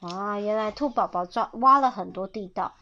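A woman reading a children's story aloud, animated and pausing to ask her listeners questions. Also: mid-range voice. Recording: dull lo-fi audio.

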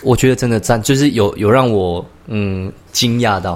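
A man's voice: on the low side, normal speed, soft background music. A man with a Taiwanese accent chatting casually as a singer on a podcast. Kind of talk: casual chat.

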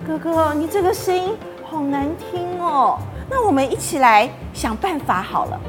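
A woman voicing a bright little girl, chirpy and teasing. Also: high voice, animated, moderate pace, music in the background, voice pushed up.

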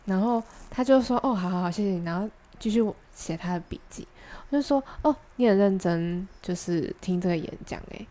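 A woman's voice: mid-range voice, brisk. A young woman with a Taiwanese Mandarin accent, co-hosting a podcast and telling a long story in casual chat, acting out the other people's lines. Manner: chatty, animated anecdote telling with quoted dialogue. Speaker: podcast co-host.

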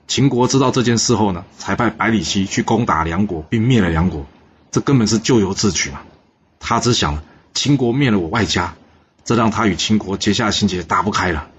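A low-voiced man narrating a historical tale, tossing in chatty asides to the listener as he goes. The recording sounds slightly dull, with faint hiss underneath. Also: fairly quick. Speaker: storyteller.

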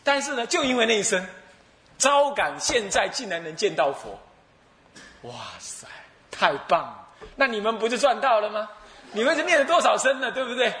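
A man's voice: very high voice, expressive, moderate pace, fairly bright tone, echoey room. A male Buddhist abbot with a Taiwanese Mandarin accent, preaching a sermon as a playful, laughing storyteller. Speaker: abbot and dharma teacher.

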